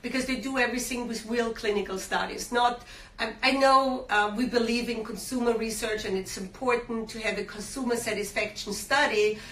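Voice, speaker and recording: For a skincare brand's live shopping show, an Austrian host conducts an interview full of fillers and eager sales pitches. Her slightly high, somewhat bright voice has fairly even intonation at normal speed, and the distant mic captures a roomy sound and faint hum.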